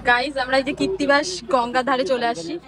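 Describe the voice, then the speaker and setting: A woman's voice: high voice, level tone, quick pace, a loud crowd. A young woman, hosting a casual travel vlog outdoors and talking straight to her viewers in an upbeat, chatty way. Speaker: vlogger host. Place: outdoors by a riverbank.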